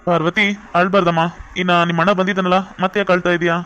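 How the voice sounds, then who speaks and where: A man's voice: high voice, little pitch movement, quick pace, sharp tone, clean tone, highs cut off. A man voicing an affectionate older brother in a cartoon, earnest and reassuring. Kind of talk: cartoon voice acting.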